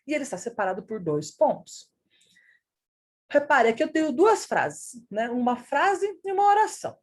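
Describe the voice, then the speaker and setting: High-voiced woman teaching grammar. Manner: explains patiently with rhetorical questions and "né?". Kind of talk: recorded grammar lesson.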